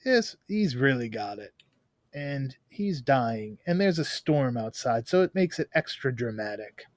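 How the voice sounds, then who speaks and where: A man hosting a podcast, retelling a film's plot in a lively way with quick asides. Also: medium pitch, dry recording, studio quality. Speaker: podcast host. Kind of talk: casual film-review chat.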